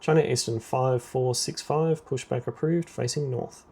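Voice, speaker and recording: Here a man plays a simulator-game air traffic controller, delivering terse procedural commands over the radio. The voice is creaky and mid-range, with fairly flat intonation, ordinary speed, and a somewhat dark quality.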